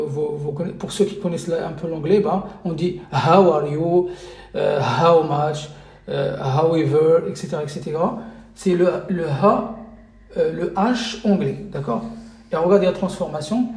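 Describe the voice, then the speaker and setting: A man's voice: sits high, mellow, echoey room. A man teaching a live online lesson as an Arabic teacher, hesitant with many fillers and repeated checks that listeners follow.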